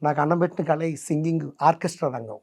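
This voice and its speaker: A man's voice: a little high, fast talker, vocal fry, darkish tone, husky. A man who works as a mimicry artist and singer, eagerly telling his story in a casual interview.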